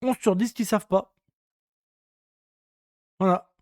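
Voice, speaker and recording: A man around thirty from France rants on his stream in a high, fired-up voice, peppering everything with crude slang and repeating himself for emphasis. The sound is dry and close, with no room in it. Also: fairly even intonation, takes it slowly, darkish tone, no room sound. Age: about 30. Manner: indignant, crude slang, repetitive. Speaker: streamer hosting a free-talk show. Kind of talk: casual ranting monologue.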